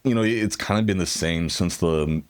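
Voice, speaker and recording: A man's voice: deep voice, moderate pace, clean tone, dry recording. A man interviewer asking curious, informal questions with frequent fillers.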